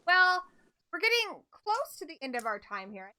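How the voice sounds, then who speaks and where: A woman's voice: very high-pitched, big pitch swings, normal speed, pushed and bright, slight background noise. A woman hosting a casual chat in an eager, gushing, playful manner. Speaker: host.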